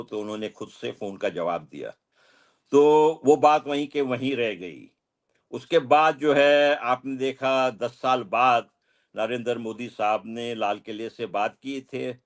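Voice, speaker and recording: A man giving his views as a guest on a political discussion panel, emphatic and speeding up as he argues. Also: medium pitch. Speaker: guest commentator.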